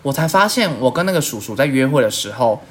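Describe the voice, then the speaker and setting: A woman's voice: rumbling low, fast talker. A young woman with a Taiwanese Mandarin accent, hosting a casual podcast chat and telling stories with lots of laughter and playful swearing. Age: young adult. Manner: animated storyteller, laughs often, swears playfully. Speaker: podcast host.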